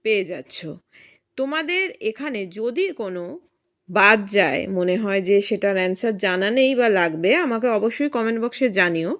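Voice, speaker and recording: A woman teaching a grammar lesson to students, explaining step by step and asking and answering her own questions. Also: medium pitch.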